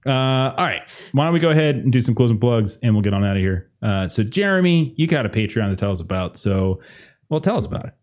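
Man, game master, casual, rambling, filler-heavy, mid pitch. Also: lively intonation, fast talker, darkish tone.

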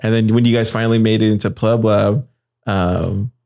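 A man's voice: lowish voice, steady tone, moderate pace, gravelly, darkish tone. A man hosting a casual podcast chat, laid-back and rambling with lots of fillers. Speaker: podcast host. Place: car.

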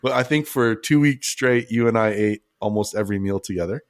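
A man's voice: lowish voice, fairly quick, no room sound, studio quality. A man hosting a podcast, casually introducing his guest with some fillers. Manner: warm, praising introduction with fillers. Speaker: podcast host.

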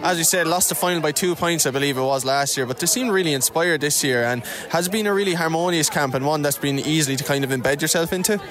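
A man's voice: fairly high pitch, fast talker, hardly any pauses, a bit bright. A man with an Irish accent conducting a post-match interview as a sports reporter. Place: outdoors at a sports ground.

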